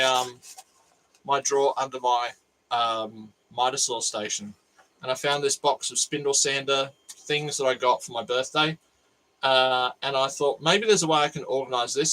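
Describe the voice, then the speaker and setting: Speaking into a cheap USB microphone in his home workshop, this nasal-voiced Australian maker rambles and restarts as he thinks aloud on a casual livestream. His pitch is medium and his tone fairly bright. Slight background noise and poor audio quality come through.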